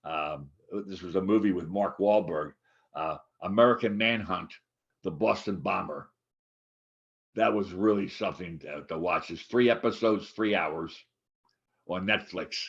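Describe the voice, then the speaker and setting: A man's voice: sits low, creaky. Rambling man in his eighties, lo-fi. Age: 80s. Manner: rambling, halting, many restarts and fillers. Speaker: podcast co-host. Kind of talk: casual chat. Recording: dull lo-fi sound.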